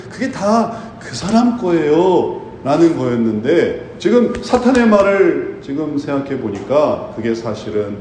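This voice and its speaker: A man preaching a sermon in an animated way, often acting out imagined believers. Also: medium pitch, slight background noise. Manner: animated, voices imagined believers in quoted speech. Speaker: pastor. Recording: echoey room with faint ambience.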